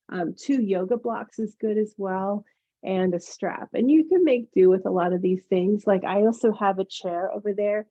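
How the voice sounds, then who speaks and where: A woman's voice: mid-range voice, mellow. A woman teaching yoga, casually talking a class through its introduction. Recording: phone-like narrow-band sound.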